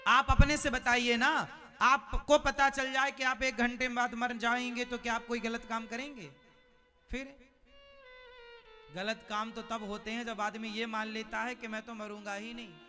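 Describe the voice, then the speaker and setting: A man's voice: very high voice, little pitch movement, unhurried, music in the background. A man preaching a devotional sermon, telling a moral story and putting questions straight to his audience. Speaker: spiritual preacher.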